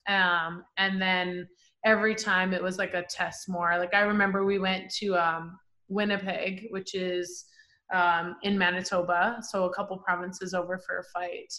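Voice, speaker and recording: A woman in her forties, a professional boxer from Canada, telling her story in a casual interview, animated and full of fillers. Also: fairly low pitch, measured pace. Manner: animated, chatty, many fillers like "like" and "um". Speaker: professional boxer, podcast guest.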